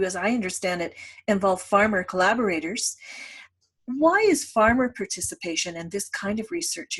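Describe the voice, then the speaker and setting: A woman hosting a farm news podcast, opening the show and asking a guest measured questions over a remote call. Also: mid-range voice, slightly rough. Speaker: podcast host. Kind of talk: interviewing a guest.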